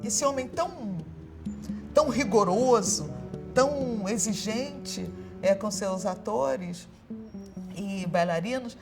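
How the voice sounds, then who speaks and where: A woman in an interview, reflecting passionately and pausing to search for words. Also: mid-range voice, lively intonation, vocal fry, over music.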